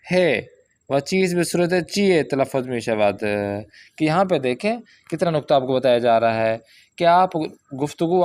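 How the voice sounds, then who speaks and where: A man teaching a Persian language lesson from a workbook, reading example sentences slowly and then explaining them step by step. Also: a little high, darkish tone.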